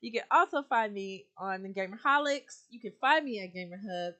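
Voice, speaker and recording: A woman's voice: mid-range voice, expressive, brisk, pushed and bright. A woman co-hosting a casual gaming podcast, playful and giggly. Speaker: podcast co-host. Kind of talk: casual chat.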